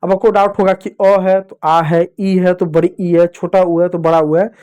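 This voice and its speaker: High-voiced man teaching children. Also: flat delivery, normal speed, dark tone, clear, resonant tone. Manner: patient, repeats and drills sounds, addresses children directly. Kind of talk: spoken children's lesson.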